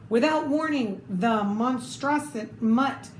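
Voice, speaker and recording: A woman with a slightly high voice reads a children's storybook slowly and expressively, tossing in little asides to the listener. The recording has a roomy echo and clearly audible background noise.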